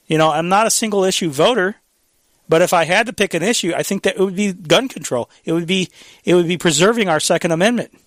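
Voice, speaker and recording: A man's voice: sits high, no echo. Chatty man hosting a talk show. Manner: conversational, chuckling, frequent fillers and restarts. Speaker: radio talk show host. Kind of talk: casual political commentary.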